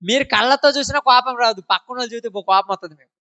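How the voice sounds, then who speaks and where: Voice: medium pitch, fast talker, sharp tone, muffled recording. Preacher firing questions. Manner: fires rhetorical questions at the congregation. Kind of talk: sermon.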